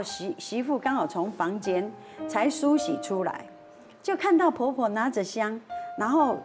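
A woman with a Taiwanese accent telling a dramatic anecdote on a talk show, acting out the quoted voices and slipping into Hokkien phrases. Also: a little high. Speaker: storyteller guest on a talk show.

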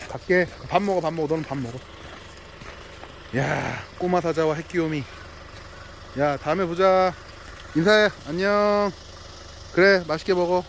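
A man with a somewhat high voice coos affectionate baby talk at two small dogs. He is a delivery driver recording outdoors on a camera mic. Faint outdoor noise sits under his voice. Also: vocal fry. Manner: cooing, teasing baby talk to pets. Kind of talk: casual vlog talk to dogs. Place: outdoors at a house yard.

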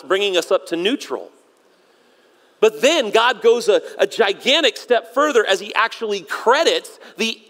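A man, a pastor, preaching a sermon with emphatic delivery that sinks low and quiet for solemn moments. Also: in a large hall. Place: church sanctuary.

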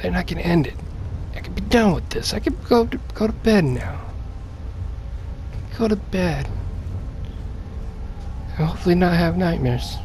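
A man giving casual let's-play commentary on a horror game, nervously talking himself through it and repeating lines over and over. His pitch swings widely and his delivery is slow and drawn out, with faint noise in the background. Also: animated, a little mellow. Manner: nervous, jittery self-talk, repeating himself and addressing viewers. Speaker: gamer playing a horror game.

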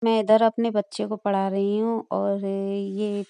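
A woman's voice: mid-range voice, level tone, unhurried, vocal fry, warm tone, a little hiss or hum. A young woman narrating a casual home vlog at night, chatty and matter-of-fact, as she tutors her son. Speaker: vlogger and mother.

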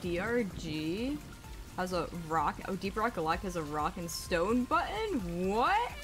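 A chatty woman narrates her gameplay in a bouncy voice that leaps up and down in pitch. She laughs easily and jokes at her own expense. Game music plays clearly behind her. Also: sing-song, a little slow. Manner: chatty, giggly, self-mocking asides. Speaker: streamer. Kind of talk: casual gameplay commentary. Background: game soundtrack music.

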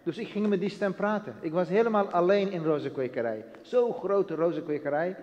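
Man with a high voice. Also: brisk, darkish tone, lo-fi sound. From Iraq. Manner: earnest storytelling in broken Dutch, acting out dialogue. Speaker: guest giving testimony. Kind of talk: personal testimony interview. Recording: long hall reverb.

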